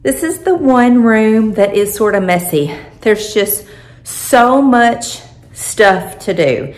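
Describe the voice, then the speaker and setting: A woman's voice: expressive, takes it slowly, no room sound, rough recording. A woman, chatting casually through a home tour vlog, filmed on a phone at arm's length outside on a patio and inside her house. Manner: chatty, talks to her dog in a high sing-song voice. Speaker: vlogger. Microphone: phone held at arm's length.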